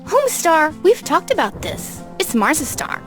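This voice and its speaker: A woman's voice: high voice, sing-song, normal speed, a bit bright, faint music behind. A woman voicing a prim, patient but exasperated border official in a cartoon game. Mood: correcting.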